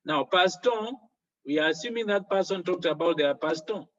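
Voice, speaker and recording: A man's voice: high voice, expressive, normal speed, fairly bright tone, muffled recording. A man teaching a French exam lesson, explaining each step with worked examples.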